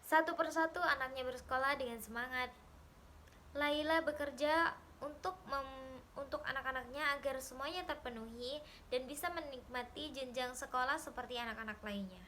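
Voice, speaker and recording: A young woman with a high voice reads a short story aloud as a literature student's exercise. Her delivery is careful and steady, with the odd stumble and restart. A faint hum of background noise sits behind her. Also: normal speed, rough recording. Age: young adult. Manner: careful reading with small slips and restarts.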